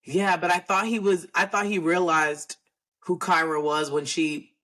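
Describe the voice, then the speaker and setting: A man on a podcast, rambling through his thoughts with loose restarts. His voice sits a little high for a man, and the talk is relaxed and conversational. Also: measured pace. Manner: rambling, hesitant, restarts often. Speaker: podcast co-host. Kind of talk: casual chat.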